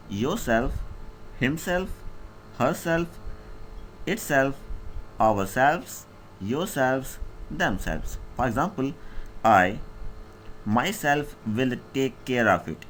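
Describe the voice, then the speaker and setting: A man's voice: lowish voice, a bit bright, slight background noise. A man teaching an English grammar lesson who reads each definition, restates it in his own words, and lists example words one by one.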